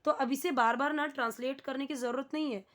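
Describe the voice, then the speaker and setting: A woman's voice: sits high, fairly even intonation. Woman teacher glossing English word by word. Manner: reads English sentences slowly, then glosses each word. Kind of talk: explaining grammar word by word in Hindi.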